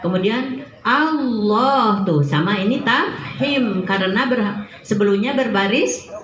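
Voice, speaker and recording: A middle-aged woman leads a recitation class for a women's study group, unhurried and patient. She stretches out each demonstrated word and laughs lightly as she corrects. The sound carries the echo of an indoor room. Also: on the high side, lively intonation. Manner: patient, demonstrates recitation slowly, chuckles often. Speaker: Quran recitation teacher. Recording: echoey room.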